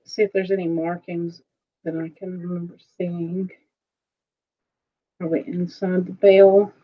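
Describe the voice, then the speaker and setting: A woman's voice: lowish voice, level tone. Chatty woman on a muffled stream. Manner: chatty, rambling, quick to laugh. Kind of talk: casual live-stream chat.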